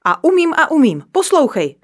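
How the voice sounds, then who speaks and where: A woman voicing a boastful, stubborn little male dwarf in a storybook reading, loud and quick to take offense. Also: mid-range voice, expressive, lightly acted. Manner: loud, indignant, bragging.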